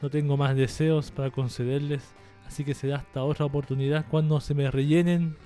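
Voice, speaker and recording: Man, podcast host, fairly high voice, mellow tone, faint music behind. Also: little pitch movement, brisk. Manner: jokey, rambling, self-mocking. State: trying a lighter, less forced voice. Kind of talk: casual podcast monologue.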